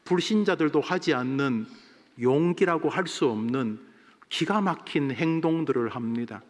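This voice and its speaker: A man who is a senior pastor, preaching a sermon in a church, dramatic and ready to break into loud acted-out shouts. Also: a little high, moderate pace. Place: church sanctuary. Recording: long reverb of a church hall.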